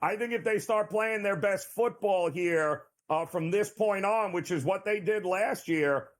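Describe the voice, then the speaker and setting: A man's voice: sits high, a little slow. Chatty man co-hosting a betting show. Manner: loose and conversational, many fillers, joking asides. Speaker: sports betting analyst, co-host. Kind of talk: sports betting analysis chat.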